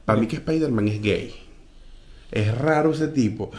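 A man's voice: mid-range voice, moderate pace, a little mellow. A Venezuelan man in casual podcast chat, a talkative, joking storyteller.

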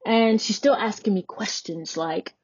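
A woman's voice: medium pitch, measured pace, husky, lo-fi sound. A woman hosting a podcast, earnestly and emphatically retelling a personal experience. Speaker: podcast host. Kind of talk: personal storytelling.

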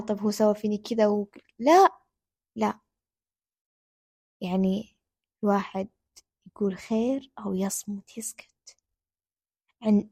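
Young woman, warm mellow voice, dry close sound, earnest advice chat. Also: medium pitch, no echo. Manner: earnest, repeats herself for emphasis. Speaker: host. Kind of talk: casual advice talk to the camera.

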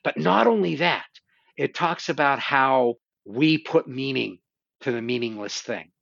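A man's voice: medium pitch, measured pace, gravelly, a bit bright, no echo, highs cut off. A man hosting a show, casually and animatedly retelling horror stories, swearing now and then. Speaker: podcast host. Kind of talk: casual conversation about horror films.

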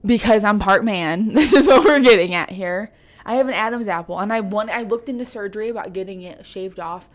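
A young adult woman co-hosts a casual podcast chat, rambling with lots of fillers and playfully poking fun at herself. Her voice is medium-pitched and fairly quick.

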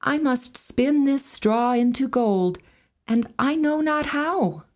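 A woman reading a storybook and voicing a frightened young miller's daughter in a high, plaintive, pleading tone. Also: slow.

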